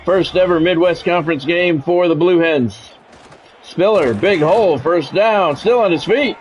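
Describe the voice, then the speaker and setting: Livestreaming a game, this high-pitched man speaks at a measured pace, switching between relaxed, opinionated talk and play-by-play commentary. Music runs underneath a dull, lo-fi recording.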